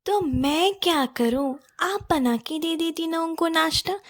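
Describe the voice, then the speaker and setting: A woman voicing a lazy, sharp-tongued young wife in a cartoon, cheeky and complaining, always talking back. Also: very high voice, measured pace. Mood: sassy. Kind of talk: cartoon voice acting.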